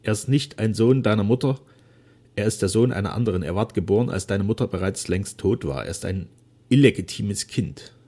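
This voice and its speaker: A man's voice: fairly low pitch, fairly quick, mellow, slightly rough. A man doing a sick, remorseful old duke. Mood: solemn remorse. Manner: solemn, weary, formal speech. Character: ailing old nobleman father, remorseful and solemn.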